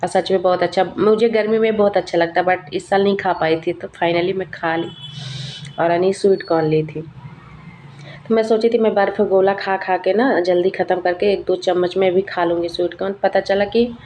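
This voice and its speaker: A woman's voice: mid-range voice, steady tone, moderate pace, mellow, slight background noise. A young woman vlogger and mother, narrating casually in a chatty storytelling way. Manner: chatty, storytelling, laughs often.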